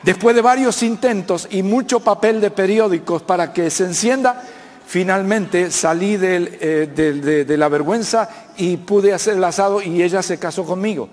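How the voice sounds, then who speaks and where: An Argentine man in his fifties preaches to his congregation, his voice set high for a man. He keeps asking the room to answer him back, and his words ring out with the long reverb of a church hall. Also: normal speed, a little mellow. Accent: Argentine Spanish. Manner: preaching with call-and-response questions to the congregation. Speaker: pastor. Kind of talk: sermon.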